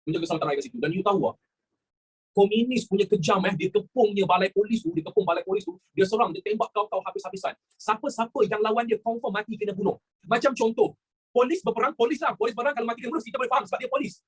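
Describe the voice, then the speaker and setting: A man with a Malaysian Malay accent teaches a history lesson in a chatty way, mixing in English words, asking rhetorical questions, and repeating his phrases. His high voice races along with a breathy edge.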